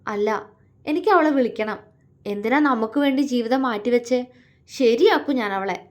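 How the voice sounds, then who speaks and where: An emotional young wife in a storybook romance , read by a woman. She talks earnestly in a high voice, pleading with her husband. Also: lively intonation, moderate pace, natural voice. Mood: indignant. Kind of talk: storytelling dialogue.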